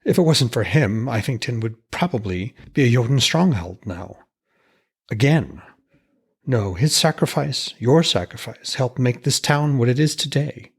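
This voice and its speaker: A man's voice: medium pitch, lively intonation, a little slow, breathy edge, pitched above the performer's own voice. A man voicing a hearty, deferential and inquisitive smith in a dramatised reading of a myth tale. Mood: insistent. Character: hearty, respectful, eager male smith, a family man.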